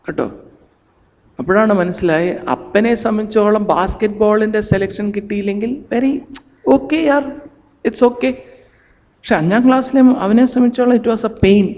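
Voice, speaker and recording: Middle-aged male pastor, storytelling sermon, high voice, echoing hall. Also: a little mellow. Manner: storytelling, acts out family dialogue, mixes in English phrases. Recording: long hall reverb.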